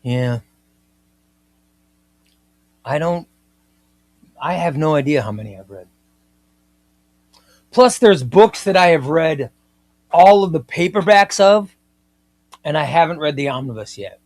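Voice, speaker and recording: This man in his fifties runs a comic book livestream, chatting casually and excitedly over viewer comments and repeating himself a lot. His slightly high voice has lively intonation, and he takes it slowly with long pauses, with no room sound.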